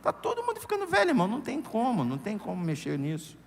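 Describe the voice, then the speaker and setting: A man's voice: sits high, huge pitch swings, fast talker, gravelly, a little hiss or hum. A middle-aged Brazilian man preaching a sermon in church, conversational and humorous, telling anecdotes into a microphone. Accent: Brazilian Portuguese. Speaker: pastor. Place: church sanctuary. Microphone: handheld or stand microphone. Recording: long church hall reverb.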